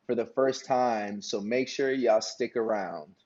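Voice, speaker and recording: A man's voice: medium pitch, measured pace, dull audio. Guy hosting a chill crypto podcast, hyped and slangy, talks to the audience a lot. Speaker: podcast host. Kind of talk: casual interview chat.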